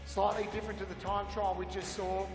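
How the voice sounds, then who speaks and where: A man's voice: high-pitched, little pitch movement, a little fast, creaky, music in the background. An Australian man announcing and commentating at a live sports event in a casual, matey way. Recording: echoey PA in large event venue.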